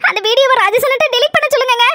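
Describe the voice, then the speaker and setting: A woman voicing a proud, defiant young woman in a cartoon comedy, firing off sharp retorts in Kanyakumari Tamil. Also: very high-pitched, very fast, no room sound, studio quality.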